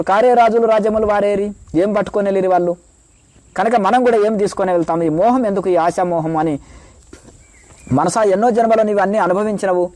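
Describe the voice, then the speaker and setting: Middle-aged male guru, high voice, preachy cadence, dry close sound. Answers devotees' questions. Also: darkish tone, no room sound. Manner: preachy, rhythmic lists of virtues. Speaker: spiritual teacher. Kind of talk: spiritual Q&A answers.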